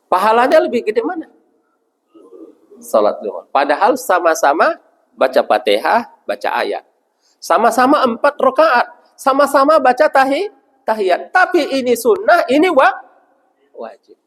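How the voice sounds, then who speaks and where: Male preacher, high and animated voice, quizzing the congregation in a reverberant hall. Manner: asks the audience questions and answers them himself; addresses listeners as Pak. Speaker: ustaz preacher. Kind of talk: religious lecture to a congregation.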